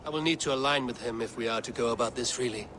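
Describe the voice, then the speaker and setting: An actor playing a resolute, grim and forthright Viking warrior in a dramatic video game. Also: male voice, mid-range voice, fast, background noise, close to an everyday voice. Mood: grave, urgent.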